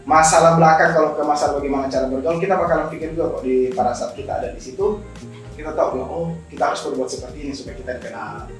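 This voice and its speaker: A young Indonesian man, a scholarship alumnus appearing as a guest on an informal talk show, tells stories in a slightly high, rapid-fire voice. He explains things conversationally and often repeats his phrases. The room is very echoey, the mic is distant, and music plays behind him.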